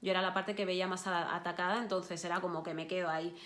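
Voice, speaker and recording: A woman's voice: lowish voice, flat delivery, fast talker, a bit bright. A woman giving an online course talk, encouraging her listeners directly, with frequent restarts and fillers. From Spain.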